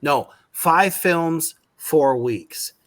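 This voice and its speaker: A man co-hosting a podcast, speaking in a slow, emphatic way in casual chat. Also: on the high side.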